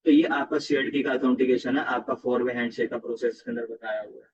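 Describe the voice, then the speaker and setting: A man's voice: medium pitch, fairly even intonation, quick pace, husky, recorded from a distance. Male tutor, muffled sound from off the mic. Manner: repeats "theek hai" and addresses the viewer constantly. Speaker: networking teacher. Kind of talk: classroom-style tutorial.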